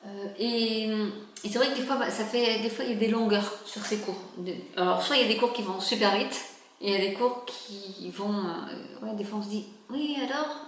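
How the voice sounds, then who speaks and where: A woman's voice: mid-range voice, fairly even intonation, moderate pace. A middle-aged woman chatting casually in a vlog, hesitant and rambling, with many fillers and restarts. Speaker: vlogger. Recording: very echoey room, faint background noise.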